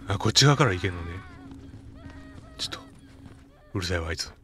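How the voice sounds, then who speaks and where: A man's voice: sits low, expressive, fairly quick, a bit bright, slight background noise. Kansai man muttering game commentary. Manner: mumbling running commentary, scolding the game character. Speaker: game streamer. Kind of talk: casual let's-play commentary.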